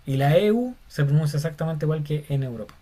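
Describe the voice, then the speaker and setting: Male teacher, somewhat high voice, relaxed explanatory lecture style, informal. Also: fast talker. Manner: casual, addresses listeners as "hermano", many fillers. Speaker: Bible Greek teacher.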